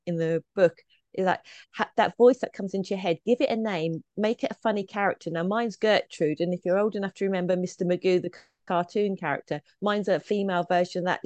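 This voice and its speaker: A woman's voice: fairly low pitch, darkish tone, no room sound. A woman speaking as a podcast guest and trauma coach, talking chattily and giggling as she acts out quoted voices. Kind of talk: conversational interview answers.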